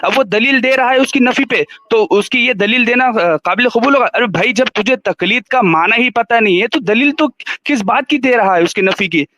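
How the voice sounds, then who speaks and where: A man's voice: very high-pitched, bright, forceful tone. A man on a live stream debate, arguing a religious point insistently and repeating himself to get heard.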